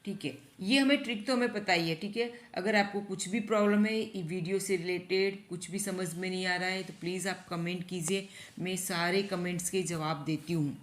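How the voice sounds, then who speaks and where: A woman teaching English in Hindi, asking her own questions and then repeating each example sentence slowly with stress. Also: fairly low pitch, fairly even intonation, echoey room. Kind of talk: online English lesson in Hindi.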